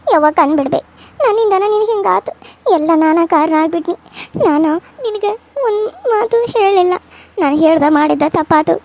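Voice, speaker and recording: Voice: very high voice, normal speed. A performer voicing a grieving young daughter who pleads through tears. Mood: sobbing plea. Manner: pleading, sobbing.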